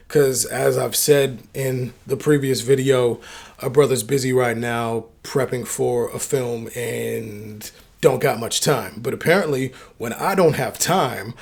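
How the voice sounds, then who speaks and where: A man's voice: mid-range voice, husky. A man hosting a dating advice channel, talking straight to his viewers in an emphatic, slangy, coach-like way. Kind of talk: direct-to-camera advice talk.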